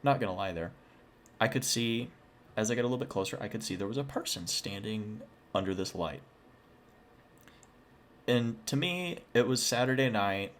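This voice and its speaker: A young man tells a spooky personal story in a casual, chatty way. He keeps dropping self-deprecating asides. His voice sits a little on the low side. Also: lively intonation, normal speed, pauses often, a bit bright, slight background noise.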